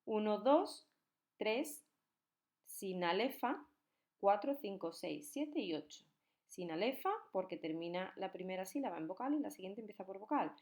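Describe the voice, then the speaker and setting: A woman delivers a recorded lesson on poetic meter. She talks patiently and methodically, counting syllables aloud and pausing to check that her students follow. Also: mid-range voice, expressive, a little mellow. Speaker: teacher.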